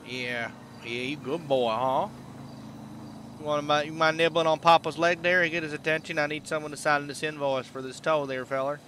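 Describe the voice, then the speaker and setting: A man's voice: on the high side, little pitch movement, moderate pace, pushed and bright, slight background noise. A man playing a friendly, folksy country tow-truck driver with a drawling way of talking, in a game role-play. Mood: doting.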